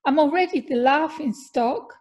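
A woman voicing a hurt, guarded young office worker in an audiobook, protesting quietly. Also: high voice, normal speed, natural voice.

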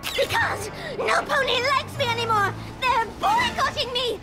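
An exasperated, dramatic girl pony from a cartoon. The voice is extremely high and theatrical, swooping up and down with emphasis, over loud soundtrack music. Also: big pitch swings, a little slow, exaggerated voice. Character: exasperated female cartoon ponies, excitable and dramatic. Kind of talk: animated cartoon acting.

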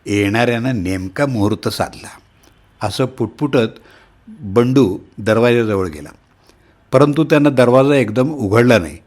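A middle-aged man reading a humorous short story aloud, lively and shifting his voice to act out the characters. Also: medium pitch, unhurried. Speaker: story reader.

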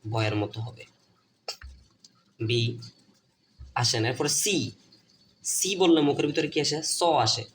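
A man's voice: on the high side, lively intonation, normal speed, a bit bright, slight background noise. Bangladeshi man teaching at a board. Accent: Bangladeshi Bengali. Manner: repeats points, asks and answers his own questions.

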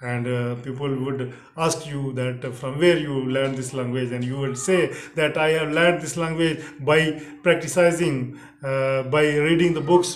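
A middle-aged Urdu-speaking English teacher delivers a spoken English lesson straight to a camera in front of him, framed head and shoulders against a plain teal indoor backdrop. His voice is on the high side and slightly raised, and he hesitates often with "uh" and restarts phrases. The room is echoey.

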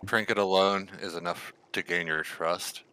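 A man voicing a wary, suspicious male adventurer who speaks low and urgently in a tabletop game. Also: fairly even intonation, moderate pace, sharp tone, a little hiss or hum.

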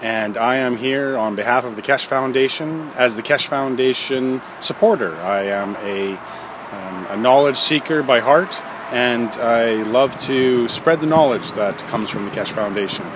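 A man in his forties from Canada speaking in a measured, plain way outdoors beside a road. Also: medium pitch. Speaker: supporter of the foundation. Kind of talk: short on-camera statement. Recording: outdoor traffic noise.

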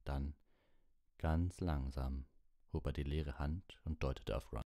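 Male audiobook narrator, measured reading, extremely low voice, dry close sound. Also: steady tone, warm tone, no echo. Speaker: audiobook reader.

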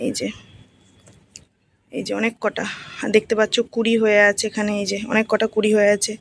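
A woman chatting slowly to viewers in a casual home vlog, a bit tired and unwell, filming on her phone as she walks around. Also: medium pitch, completely flat delivery, no room sound. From India. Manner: soft, slow-paced, tells viewers what she does. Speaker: vlogger. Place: home and garden.

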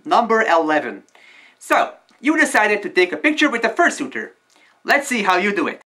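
Man, muffled through a fursuit head, lively bright delivery, blunt and joking. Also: high-pitched, normal speed. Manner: joking, blunt, swears for emphasis. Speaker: vlogger giving fursuit tips. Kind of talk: casual tips video.

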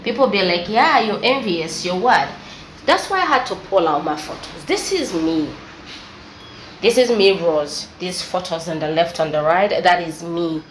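A young East African woman vlogs an exasperated, preachy opinion piece in an echoey room with faint noise. Her voice is fairly low with lively intonation, and she keeps a measured pace.

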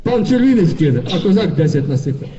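A man performing a folk tale live on stage, telling it in a lively, vivid way. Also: fairly high pitch, fast talker. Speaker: folk storyteller. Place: concert hall, live audience. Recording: dull distant concert-hall recording.

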